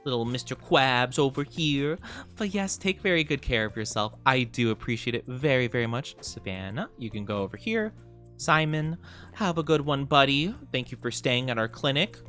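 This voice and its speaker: A man's voice: medium pitch, animated, normal speed, bright, forceful tone, faint music behind. A man hosting a livestream as a VTuber, chatting casually while he plays a game, with effusive, gushing greetings and a cutesy, cooing way of talking. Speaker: VTuber streamer host.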